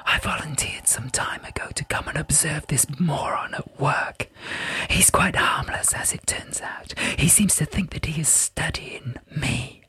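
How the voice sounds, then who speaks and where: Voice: medium pitch, measured pace, bright, forceful tone, dry recording, pitched above the performer's own voice, heavily acted. A tiny, mischievous earth spirit that tinkles and giggles, speaking in a faint, airy whisper that sounds as if it drifts from just off to one side, as a narrator puts it on. It is dry and wry, amused by the humans around it. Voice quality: breathy whisper.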